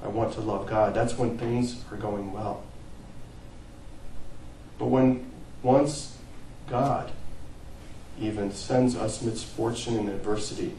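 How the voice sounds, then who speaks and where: Male pastor, mellow tone, earnest sermon delivery, recorded from a distance in an echoey church. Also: lowish voice, slight background noise. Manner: earnest preaching, rising to emphatic peaks and dropping to quiet phrase ends. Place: church sanctuary.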